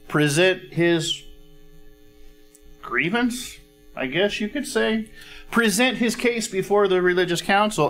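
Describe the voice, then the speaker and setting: A middle-aged male pastor preaches slowly and deliberately, in a slightly raised voice. He talks conversationally, often pausing to ask if everyone is following, and clears his throat now and then. Faint instrumental music plays softly behind him. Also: high-pitched. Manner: conversational teaching, frequent "all right?" check-ins. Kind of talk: sermon. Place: church stage with a cozy fireplace set.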